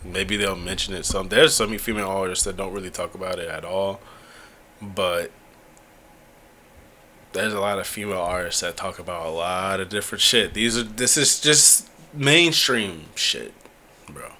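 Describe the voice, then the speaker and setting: A man with a low, bright voice gives casual reaction commentary. He talks in relaxed slang and swears freely, with a faint hum of noise behind him. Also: moderate pace. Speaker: reaction channel host.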